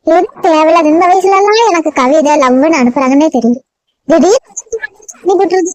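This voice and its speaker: Cartoon mom voiced by a performer, very high squeaky pitch, weary and complaining, dry close sound. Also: a little fast, darkish tone, no room sound, highs cut off. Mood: weary grumbling. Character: fed-up older village mother with a headache.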